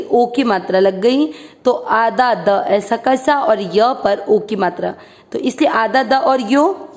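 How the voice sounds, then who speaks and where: Woman, high voice, unhurried, as a patient recitation teacher in a roomy space. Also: a little mellow. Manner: patient, explains each syllable, chants the verse slowly and drawn out. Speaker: Sanskrit pronunciation teacher. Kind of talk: step-by-step recitation lesson. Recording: roomy echo.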